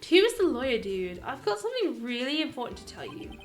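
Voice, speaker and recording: A woman voicing a laid-back young male celebrity who talks in a slow, easygoing drawl. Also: high voice, sing-song, faint music behind. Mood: lazy.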